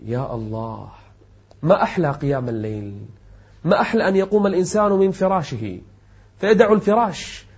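Male preacher, emphatic sermon with chanted verses; husky tone, muffled lo-fi recording. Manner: chants verses in a slow melodic recitation; emphatic, swings from soft low tones to raised exclamations. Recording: dull lo-fi recording.

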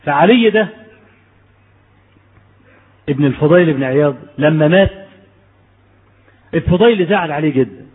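A man's voice: on the high side, lively intonation, moderate pace, pauses often, slightly rough, big-room sound, narrow, tinny audio. A man with an Egyptian Arabic accent preaching a conversational sermon, telling stories and asking his listeners rhetorical questions. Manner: storytelling, rhetorical questions to the audience.

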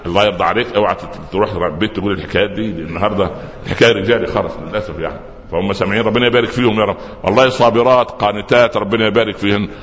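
A male preacher with an Egyptian accent races through a sermon in a lowish voice, shifting between colloquial storytelling and formal recitation. The recording sounds dull, with reverb from the hall.

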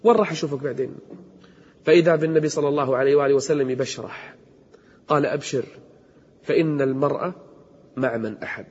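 A man giving an impassioned sermon, slowing down to chant verses. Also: mid-range voice, fairly even intonation, darkish tone, breathy edge. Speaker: preacher. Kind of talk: emotional sermon. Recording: echoey hall on a dull cassette tape.

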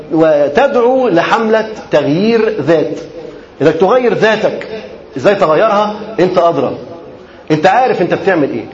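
A man's voice: high voice, darkish tone. A man with an Egyptian accent preaching a sermon, talking in colloquial, repetitive, emphatic phrases and mixing in formal Arabic. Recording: muffled, roomy lecture recording.

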